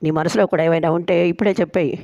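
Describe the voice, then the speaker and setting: A woman storyteller voicing a bossy, sharp-tongued young woman who sets firm terms for her marriage. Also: fairly low pitch, steady tone, fast, vocal fry, no room sound, clean studio sound. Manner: firm, teasing, laying down conditions.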